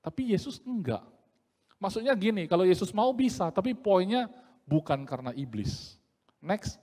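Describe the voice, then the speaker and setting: Male preacher, fairly high, animated, playful sermon delivery; reverberant hall sound. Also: moderate pace. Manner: lively, jokey, acts out quoted voices.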